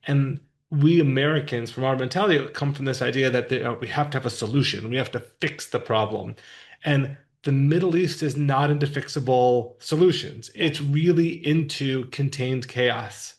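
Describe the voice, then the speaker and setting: A man's voice: medium pitch, moderate pace. A man co-hosting a podcast, explaining politics in a casual, thoughtful, plain-spoken way. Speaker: podcast co-host. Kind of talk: casual discussion.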